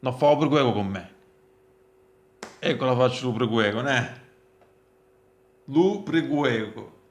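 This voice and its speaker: A man with a southern Italian Pugliese accent giving crude, mocking, casual comic commentary in dialect, repeating drawn-out catchphrases. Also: mid-range voice, animated, a little hiss or hum. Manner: mocking, crude, swearing freely. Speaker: commentator of dubbed TV episodes.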